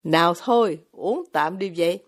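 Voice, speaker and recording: A woman's voice: lowish voice, normal speed, pitched below the performer's own voice, lightly acted. Woman reading as a sneering cynical young man. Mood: mocking. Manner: sarcastic, brusque. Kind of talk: audiobook character reading.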